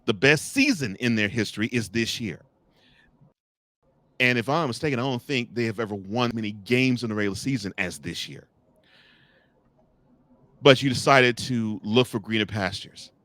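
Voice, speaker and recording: A man hosting a college football podcast, giving teasing, animated commentary with frequent restarts and laughs. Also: medium pitch, moderate pace, long pauses, no echo. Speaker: podcast host. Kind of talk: sports talk commentary.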